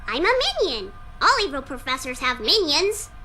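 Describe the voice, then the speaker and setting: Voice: high voice, big pitch swings, moderate pace, soft background music, heavily acted. Shrieking unhinged little villain minion. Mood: eager, manic. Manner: unhinged villain, cackling and shouting. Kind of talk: cartoon game voice acting.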